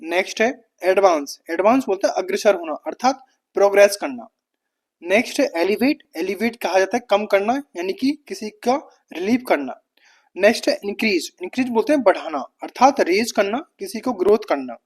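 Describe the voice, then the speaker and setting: A woman teaching exam vocabulary, briskly listing words and their meanings. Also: mid-range voice, expressive, husky.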